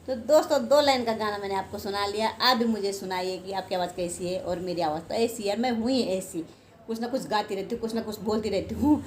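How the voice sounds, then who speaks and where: A woman's voice: mid-range voice, a little fast. Chatty older woman vlogging. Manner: chatty, rambling, self-deprecating. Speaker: home vlogger. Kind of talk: casual chat to camera.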